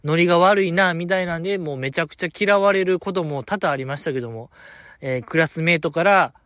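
High-voiced Osaka man, animated storyteller. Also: quick pace, no echo. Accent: Kansai (Osaka). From Osaka, Japan. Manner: animated, self-deprecating storytelling. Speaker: podcast host. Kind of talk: casual solo podcast talk.

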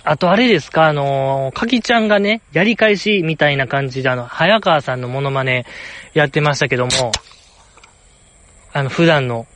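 A man's voice: fairly high pitch, normal speed, fairly bright tone, slight background noise. A young man with an Osaka accent, chatting casually and rambling on his own, playfully earnest. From Osaka, Japan. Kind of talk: casual solo chat.

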